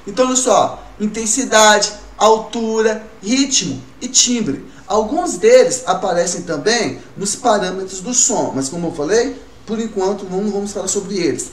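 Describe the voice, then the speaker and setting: A man teaching a recorded music class to children, asking questions and answering them himself in a lively way. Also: high voice, moderate pace, few pauses, recorded from a distance. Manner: lively, talks to pupils as "gurizada", asks and answers his own questions. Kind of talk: recorded online class for kids. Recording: roomy, from off-mic, faint room noise.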